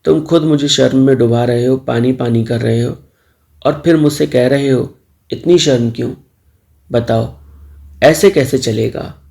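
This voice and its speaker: A shy, easily flustered young man in a spoken storybook, as a man reads him. He protests and fusses in a deep, gravelly, mellow voice. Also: measured pace. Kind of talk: storybook dialogue.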